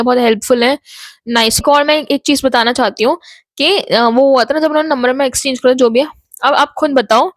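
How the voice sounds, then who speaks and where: A woman's voice: sits high, no echo. A young woman from India, telling a rambling story-time vlog and mixing in English phrases. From Ghaziabad, North India. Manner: chatty, rambling, mixes Hindi and English. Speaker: vlogger.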